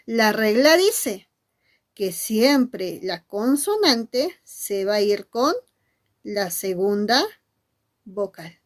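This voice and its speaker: A woman teacher gives an animated lesson to camera, asking questions and answering in the voices of her students. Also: mid-range voice, very slow. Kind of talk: classroom-style lesson to camera.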